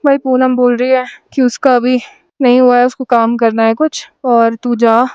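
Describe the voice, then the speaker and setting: A woman's voice: a little high, flat delivery, moderate pace, a little mellow, smooth, dry recording, dull audio. A woman motorcycle vlogger chatting casually as she rides outdoors on a mountain road, thinking aloud and calling everyone brother. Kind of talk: casual chat while riding.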